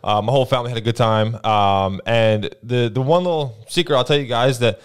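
A young man with a New Jersey accent co-hosts a casual fishing report chat, recounting his weekend trips in relaxed storytelling packed with "uh" and "um." His tone is clean and his pace brisk, speaking into a boom mic on an arm while wearing headphones in a small indoor studio with a brick wall.

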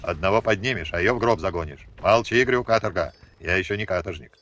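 A man's voice: low-pitched, quick pace, a bit bright. A man voicing a defiant young exiled peasant who speaks firmly and reproachfully. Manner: reproachful, firm. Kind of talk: audiobook character voice.

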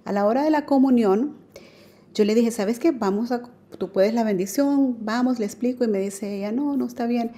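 Mellow-voiced woman testifying. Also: fairly high pitch, moderate pace. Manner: earnest storytelling with many fillers. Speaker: radio guest. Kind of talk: personal faith testimony. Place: radio studio.

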